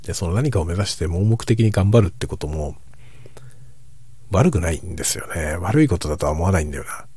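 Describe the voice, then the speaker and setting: A middle-aged man chatting casually in a hushed, soft voice, musing reflectively as if for late-night listening. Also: expressive, no echo. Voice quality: husky, breathy low voice. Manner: reflective, musing, unhurried soft-spoken delivery. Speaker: host of a late-night chat for falling asleep.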